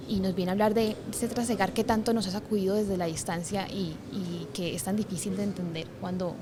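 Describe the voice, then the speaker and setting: A woman's voice: on the low side, noisy background. A woman interviewer introducing a guest and asking formal questions, hesitating often with filler words. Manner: warm, hesitant phrasing with "eh" and "digamos".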